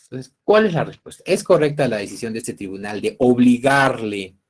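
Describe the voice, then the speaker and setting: Lecturing an online university class, a Peruvian man with a Peruvian Spanish accent explains cases one step at a time. He has a husky, mid-range voice with lively intonation and a slightly fast pace. His teaching style is didactic, and he frequently checks understanding with tag questions.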